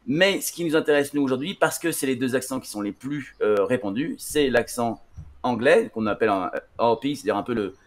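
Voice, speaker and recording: A man's voice: mid-range voice, fairly quick. Brief: man in a casual studio chat, explains English pronunciation, hesitant with frequent restarts, mid-range voice. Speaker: English language guest explaining accents. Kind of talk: casual radio-style explanation.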